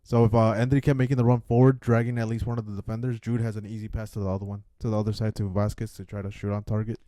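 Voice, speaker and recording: A man's voice: on the low side, very fast, no echo. A man co-hosting a podcast, talking football casually, swearing freely and calling his co-host "dude". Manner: relaxed, swears casually, says "dude" often. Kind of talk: casual sports chat.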